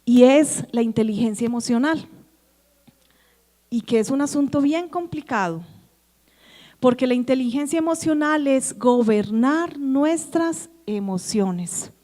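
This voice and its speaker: A woman with a Colombian Antioquia accent preaching a lively sermon to her congregation, asking them questions and acting out the dialogue she quotes. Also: sits high, a little slow. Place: church. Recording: church hall reverb.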